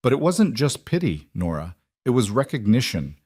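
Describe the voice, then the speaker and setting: A man playing a rough, gruff frontier farmer in a storybook narration, speaking earnestly. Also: mid-range voice, sing-song, moderate pace, a little mellow, dry recording, studio quality, voice pushed up. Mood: remorseful.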